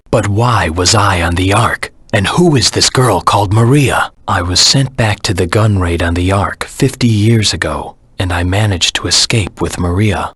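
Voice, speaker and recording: An actor voicing a brooding, vengeful anti-hero hedgehog in a video game, with a husky rasp and a grim, terse, dramatic delivery. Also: male voice, fairly bright tone, no room sound, heavily acted. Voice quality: low, husky, gravelly rasp.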